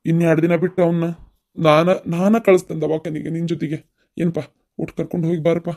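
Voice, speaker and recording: A fretful, lamenting village mother from a cartoon. Her voice sits somewhat low, and she speaks with a North Karnataka Kannada accent. She sounds worried throughout. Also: flat delivery, fast talker, creaky, darkish tone. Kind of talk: cartoon dubbing.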